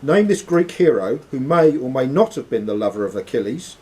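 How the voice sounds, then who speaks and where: A quiz host reads questions aloud and rules on answers during a live quiz in a sports and social club room. He has a mid-range voice with big pitch swings, a brisk pace, and a dark, slightly rough tone.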